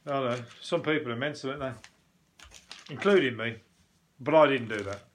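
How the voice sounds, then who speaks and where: A man's voice: mid-range voice, moderate pace, slight background noise. A man with a Birmingham accent chatting casually on his own as a show host, rambling, joking and swearing freely. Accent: Brummie (Birmingham). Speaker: host of a news commentary show. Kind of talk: casual solo chat about news stories.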